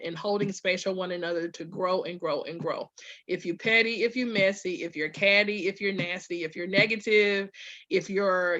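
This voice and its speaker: A Louisiana woman with a Southern US accent speaks emphatically in a mid-range voice that sounds pushed and bright, captured in lo-fi audio. As a spiritual group facilitator and host, she gives an informal promotional talk to her followers, reeling off repetitive lists and checking in with "okay" and "right."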